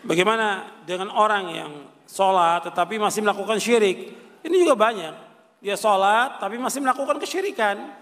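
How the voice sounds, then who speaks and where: High-pitched preacher man in a hall. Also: brisk, a bit bright. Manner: rhetorical questions answered himself, repeats key phrases. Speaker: Islamic preacher. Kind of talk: religious lecture answering questions. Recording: reverberant hall.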